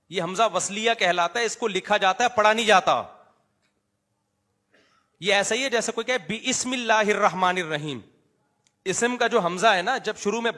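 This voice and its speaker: A middle-aged man preaching an informal sermon, talking in a conversational way that moves between quiet asides and emphatic teaching. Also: high-pitched. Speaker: Islamic preacher. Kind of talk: informal sermon with live audience address.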